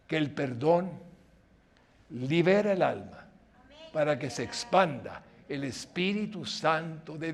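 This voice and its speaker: Slow, dramatic older man preaching. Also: a little high. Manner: dramatic, acts out dialogues with God, swings between loud and hushed. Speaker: pastor. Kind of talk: sermon.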